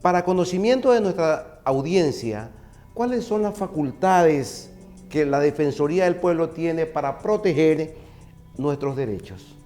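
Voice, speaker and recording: A male presenter with an Ecuadorian accent speaks in a notably high register. He delivers formal, scripted hosting lines, with music playing under his voice. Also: animated, a little slow, mellow. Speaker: programme host.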